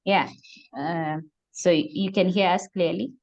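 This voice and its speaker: A low-pitched woman talks over a video call with a bad connection. Her voice comes through muffled and slightly far off. She stays calm and reassuring while checking that she can still be heard. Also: slow pace, vocal fry. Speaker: guest from a civic organization.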